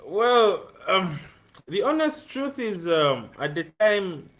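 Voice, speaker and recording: A man's voice: high voice, sing-song, slow pace, a bit bright. A man in his twenties from Uganda, a student guest talking earnestly about his life on a live-streamed video call, with frequent ums. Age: 20s. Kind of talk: casual interview on a live stream.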